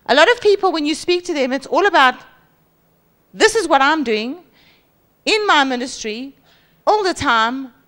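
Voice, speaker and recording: A South African woman in her forties preaches a sermon on the stage of a large church hall, holding a handheld mic. She speaks at normal speed with frequent pauses, lively throughout, and mimics boastful people with high jumps in pitch.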